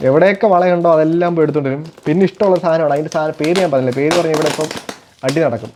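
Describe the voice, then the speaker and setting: A man's voice: on the high side, racing, noisy background. A father chatting casually while unboxing parcels, explaining each item and playing with his little daughter. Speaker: father and family vlogger.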